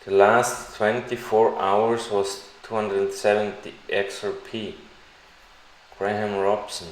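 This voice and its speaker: Non-native english guy on a live stream, talks real slow and halting, echoey room. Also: lowish voice, little pitch movement. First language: not English. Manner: slow, deliberate, halting speech.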